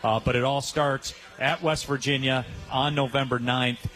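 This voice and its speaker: Male sports radio host, mid pitch, upbeat and chatty, live remote from a pub. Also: little pitch movement, moderate pace, a bit bright, rough recording. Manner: upbeat, plugs sponsors, fills with "uh". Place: pub during a live broadcast.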